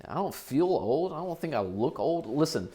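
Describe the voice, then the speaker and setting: A man's voice: fairly high pitch, big pitch swings, normal speed, mellow. A man, preaching a conversational sermon to his congregation and to viewers online. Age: 40s. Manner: conversational, repeats phrases for emphasis. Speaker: pastor. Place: church.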